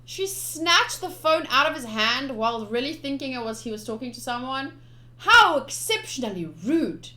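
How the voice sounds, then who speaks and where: A woman streamer reads a visual novel aloud in a playful, theatrical and expressive manner, tossing in casual commentary. Her voice is high-pitched at a normal speed, with game music behind her.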